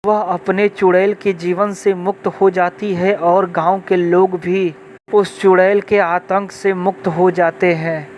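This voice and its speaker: A man tells a scripted moral story in a flat, unvarying voice. He recites plainly and without hurry. The recording is dull and lo-fi, with faint noise behind him. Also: high-pitched, slow. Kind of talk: scripted narration of a moral folk tale.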